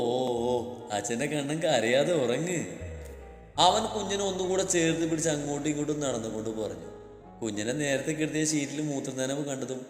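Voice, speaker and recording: Reading a scripted romance, a male storyteller keeps a calm, steady pace in a middle-pitched voice. Soft music plays beneath him, and the room adds a long, echoing reverb.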